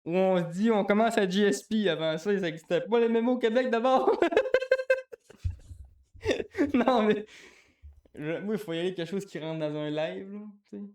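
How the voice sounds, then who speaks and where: Quebec French man, podcast co-host, high-ish voice, lively, swears a lot. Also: normal speed, pauses often. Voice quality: animated, swears a lot, laughs often. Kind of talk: casual chat.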